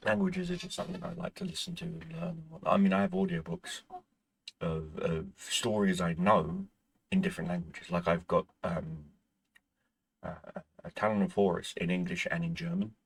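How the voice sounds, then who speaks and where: This man speaks at normal speed with a fairly low pitch that comes out creaky and husky, and the audio is poor. Irish is his first language, and he runs a gaming channel where he rambles casually with viewers, tripping over restarts as his voice gives out.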